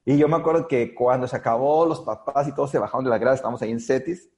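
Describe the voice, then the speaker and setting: A man's voice: mid-range voice, racing, darkish tone, echoey room. A man with a Mexican accent, a podcast guest telling his story in an earnest, hesitant way with many fillers. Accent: Mexican Spanish. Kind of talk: storytelling in a conversation. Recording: dull lo-fi audio.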